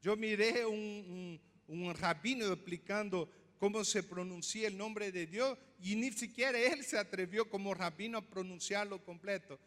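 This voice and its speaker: A man's voice: sits high, moderate pace, hardly any pauses, fairly bright tone. A man pastor preaching a sermon, teaching step by step and asking the congregation questions. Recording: long hall reverb.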